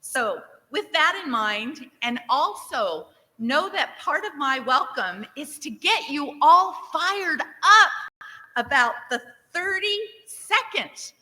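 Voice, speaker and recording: Slow and high in pitch, a female director from Nevada gives energetic welcome remarks to open a conference. She invites people to raise their hands, applauds the answers, and the reverberant acoustics of the large hall carry her voice.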